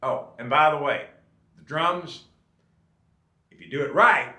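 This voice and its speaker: Unhurried and sharp in tone, a fairly high-voiced man in his late fifties, a drummer who hosts a channel, gives viewers casual, folksy advice and keeps checking in with "okay?". The room is echoey.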